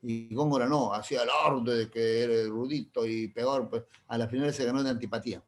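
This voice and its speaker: With a Peruvian Spanish accent, a male teacher delivers a classroom lecture, regularly making sure students are following and illustrating points with everyday examples. His voice is medium-pitched, fairly even in intonation, and fairly quick.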